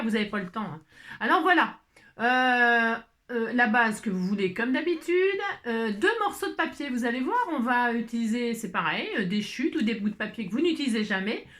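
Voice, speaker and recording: A woman's voice: on the high side, lively intonation, fairly quick, fairly bright tone. Rambling chatty French woman, echoey room. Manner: rambling, talks to herself, many "hein"s. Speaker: crafting vlogger. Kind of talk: chatty crafting tutorial.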